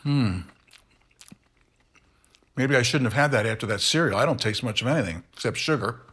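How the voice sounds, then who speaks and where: Reviewing candy by himself in a relaxed way, a middle-aged host drifts off topic and stops to correct himself, talking while he chews. His voice is husky, a little breathy, at an ordinary male pitch, and he speaks at a normal speed.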